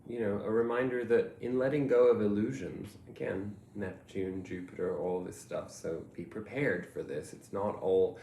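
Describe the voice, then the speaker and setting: A man giving a reflective tarot reading, musing and meandering, often trailing off softly. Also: lowish voice, fairly even intonation, normal speed, gravelly, hardly any pauses, slight background noise. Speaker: tarot reader. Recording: roomy echo, faint ambience.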